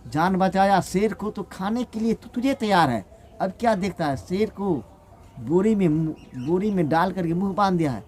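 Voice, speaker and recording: A man's voice: high-pitched, expressive, normal speed, a little hiss or hum. A man voicing a cunning male fox acting as a village priest, scolding and sly, in a folk tale told aloud.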